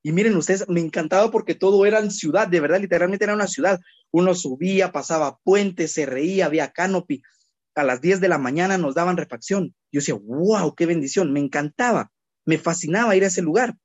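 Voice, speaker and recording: A man preaching a sermon, who acts out children and worried adults in an animated way. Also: sits high, fairly quick, no echo, highs cut off. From Guatemala.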